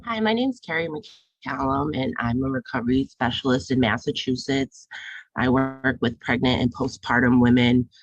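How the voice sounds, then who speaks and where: A woman's voice: extremely low pitch, normal speed, dry recording, muffled recording. A woman recovery specialist sharing her personal story earnestly on a video call. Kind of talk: online workshop share.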